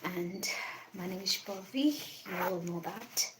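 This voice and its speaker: A woman from Nepal hosts a casual livestream, feeling the cold. She talks slowly, in halting phrases that often repeat, with a clear noise bed behind her voice. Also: medium pitch. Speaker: livestream host.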